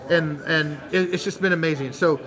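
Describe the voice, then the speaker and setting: A man hosting a channel, telling a long joke in casual storytelling style, animated and full of dramatic pauses. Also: a little high, rough recording. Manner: animated, dramatic pauses, acts out crowd voices. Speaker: channel host.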